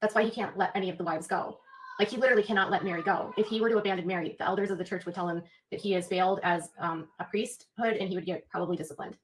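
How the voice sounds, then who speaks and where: A woman's voice: medium pitch, fairly even intonation, rapid-fire, slight background noise, poor audio. Woman, livestream guest, earnest and explanatory. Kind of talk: casual explanatory chat.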